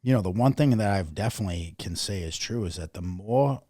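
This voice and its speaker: Blunt, profane man with a husky voice. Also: low-pitched, lively intonation, fairly quick, mellow, dry recording, studio quality. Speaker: podcast guest. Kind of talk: candid conversational storytelling. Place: podcast studio.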